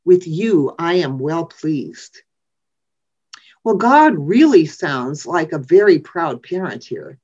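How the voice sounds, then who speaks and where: A woman preacher giving a sermon in a measured, reflective way, with thoughtful pauses. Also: fairly low pitch, darkish tone. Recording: dull lo-fi recording.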